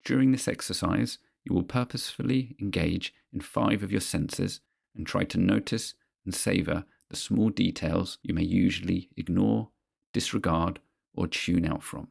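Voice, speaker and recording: Leading a mindfulness grounding exercise as its guide, a man uses a low, darkish, heavily creaky voice. His husky delivery is measured, with short instructions separated by pauses.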